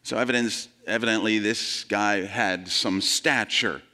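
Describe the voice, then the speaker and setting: A pastor preaches conversationally in an unhurried voice that is pushed and bright yet steady in tone. He quizzes the congregation and acts out the voices he quotes with big pitch shifts.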